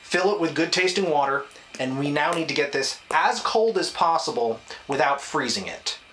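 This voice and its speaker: A man's voice: on the high side, lively intonation, normal speed, fairly bright tone, echoey room, a little hiss or hum. A man talking casually to camera in a small bathroom as a video host, with a wry, self-deprecating, mildly sarcastic manner. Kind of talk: casual vlog talk to camera.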